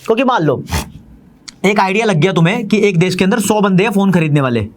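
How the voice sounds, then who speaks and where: A man with an Indian accent teaching commerce in a fast, chatty online lecture, talking straight to his students. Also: sits high, animated.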